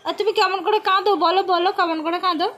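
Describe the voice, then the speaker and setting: A woman with a West Bengal Bengali accent, coaxing a small child at home in drawn-out, sing-song baby talk. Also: very high voice, steady tone, fairly bright tone. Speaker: village vlogger. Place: home indoors during heavy rain.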